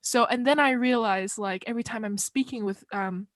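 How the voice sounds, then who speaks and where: A woman's voice: a little high, normal speed, dry recording. A woman from northeast China, co-hosting a podcast in casual, reflective chat.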